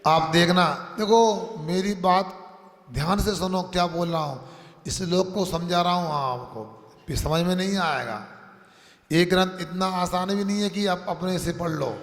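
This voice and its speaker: Slow, high-voiced monk in an echoing hall. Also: male voice. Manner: keeps quizzing the audience; homely everyday examples. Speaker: Jain monk teaching. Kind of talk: sermon class. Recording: echoey hall reverb.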